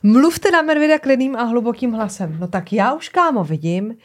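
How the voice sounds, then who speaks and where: A woman's voice: a little high, lively intonation. A woman chats casually with a friend, reading advice off a website and breaking in with her own comments. Her delivery is loose and full of filler words. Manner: chatty, reads aloud with asides and filler words. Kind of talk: casual chat, reading tips aloud from a website.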